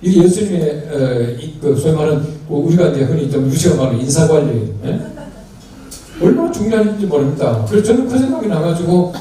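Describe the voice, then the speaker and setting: A man's voice: on the high side, animated, brisk, dark tone. Older man pastor telling a story in an echoey hall. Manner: storytelling, acts out dialogue, chuckles. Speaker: pastor giving a lecture. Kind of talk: anecdotal sermon talk. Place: large hall at a retreat. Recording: distant mic in a very echoey hall, faint noise.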